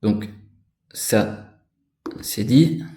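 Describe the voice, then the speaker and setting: A man's voice: very slow, mellow. Rambling man teaching in an echoey room. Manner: informal, rambling, addresses listener directly as tu. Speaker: spiritual energy instructor. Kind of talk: casual spoken lesson.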